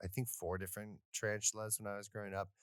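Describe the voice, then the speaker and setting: Podcast co-host, male, low-ish voice, rambly and animated, dry close mic. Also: quick pace, clear, resonant tone, no room sound. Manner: rambling, animated storytelling with frequent asides. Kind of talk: casual chat.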